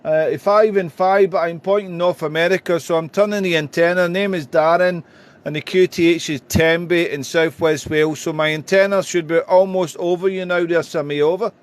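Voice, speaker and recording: British male ham operator, high voice, casual on-air contact chat with deliberate radio phrasing. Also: fairly even intonation. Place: home radio room.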